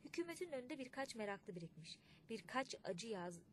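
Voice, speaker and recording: A woman reading a literary audiobook in a measured, expressive way. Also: fairly high pitch, a little hiss or hum. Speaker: audiobook narrator.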